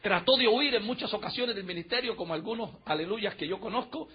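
A man preaching a fiery sermon in church, emphatic and preacherly, swinging from shouts to low murmurs. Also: a little fast, husky. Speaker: pastor. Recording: dull lo-fi recording.

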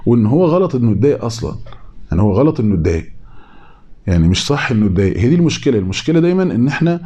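A man with an Egyptian Arabic accent giving an informal religious talk. He speaks conversationally, acts out imagined people in quick back-and-forth, and slows down to repeat key phrases for emphasis. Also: medium pitch, big pitch swings, mellow, lo-fi sound. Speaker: preacher.

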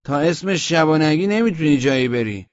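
A man's voice: a little high, lively intonation, no room sound, long reverb tail, pitched above the performer's own voice, lightly acted. A man voicing a stubborn, simple-minded young male soldier on guard duty, speaking in a raised, insistent voice, in a dull lo-fi audiobook recording.

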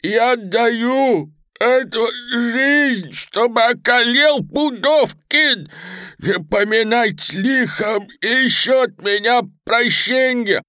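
Frail old watchman, high and strained, calling out weakly. Dry sound. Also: lively intonation, slow, clear, resonant tone, dry recording, heavily acted. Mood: desperate. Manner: high, strained, faint shouting. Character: old male village watchman, frail and desperate.

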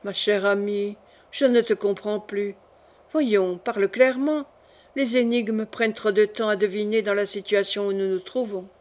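A woman's voice: medium pitch, fairly even intonation, normal speed, darkish tone, lightly acted. A woman reading an anxious young queen. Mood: pressing.

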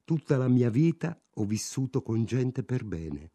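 A male reader voices a hungry young drifter in an audiobook, earnest and pleading, his voice a little raised above the narration. The tone is dark, and the sound is close and dry. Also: medium pitch, big pitch swings, a little slow, no room sound, voice pushed up.

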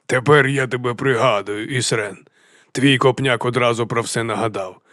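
Man reading as a big jolly madman chief, slow drawl, sing-song, hushed then loud, dry close sound. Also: medium pitch, steady tone, no echo, close to an everyday voice. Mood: jovial, unhinged. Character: fat mad cheerful male hill chieftain. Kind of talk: audiobook character voice.

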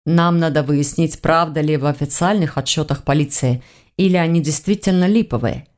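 A woman reading an audiobook, voicing a calm, decisive young man who leads the group in a low, measured voice. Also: close to an everyday voice. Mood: earnest. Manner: low measured steady speech.

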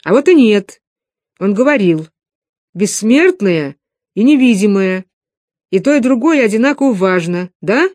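A woman's voice: medium pitch, lively intonation, a little slow, long pauses, a little mellow, dry recording, natural voice. A woman voicing an indignant, argumentative village boy who scolds and insists, read out in an audiobook.

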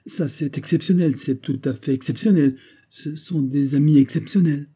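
Guy doing a jittery young wife in a storybook, begging, dark husky tone. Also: on the high side, pitched above the performer's own voice. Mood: pleading. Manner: nervous, hurried, pleading. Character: anxious young wife, secretive, pleading.

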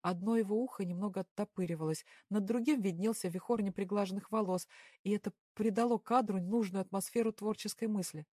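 A woman narrating a first-person story in a calm, even audiobook style. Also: mid-range voice, fairly quick, no echo, studio quality.

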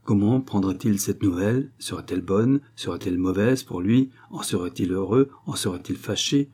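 Husky dark-voiced man reading a novel. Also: on the low side, normal speed. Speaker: audiobook reader. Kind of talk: literary audiobook narration.

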